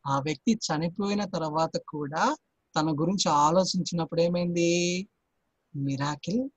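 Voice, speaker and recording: A man's voice: on the high side, no echo. A man teaching a Sunday school Bible lesson to children, constantly quizzing them with repeated questions.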